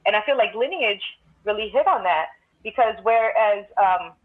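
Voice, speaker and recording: Heard over a tinny remote call that sounds like a phone line, a Brooklyn woman guests on a casual podcast. Her medium-pitched voice has lively intonation and a moderate pace as she thoughtfully works through ideas with many restarts.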